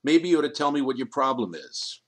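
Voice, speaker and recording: A man's voice: medium pitch, sing-song, fairly quick, lightly acted. A man voicing a blunt, prickly male screenwriter who asks dry, needling questions in an audiobook.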